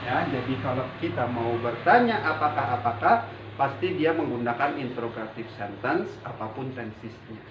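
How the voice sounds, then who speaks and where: A man's voice: medium pitch, expressive, moderate pace, background noise. A man teaching an English grammar lesson in a classroom, patiently drawing out example sentences. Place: classroom with a whiteboard. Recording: dull roomy sound from a distant mic.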